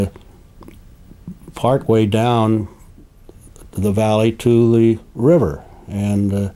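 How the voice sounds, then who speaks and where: An elderly man, a war veteran recalling his experiences in an interview, speaking haltingly and deliberately with long hesitations. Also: fairly low pitch, dark tone. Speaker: WWII veteran being interviewed.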